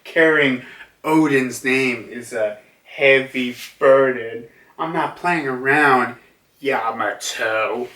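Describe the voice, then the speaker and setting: A man voicing a huge, stern pirate father, speaking slowly and gravely. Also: mid-range voice, sharp tone, far from the mic. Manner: slow, grave, drawn-out. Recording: roomy, a bit off mic.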